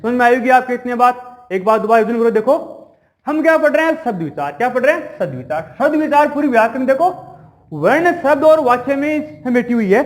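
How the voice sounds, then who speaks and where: Lively high-voiced grammar teacher. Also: male voice. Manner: asks questions and answers them himself, repeats key terms. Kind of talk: exam-prep grammar lesson.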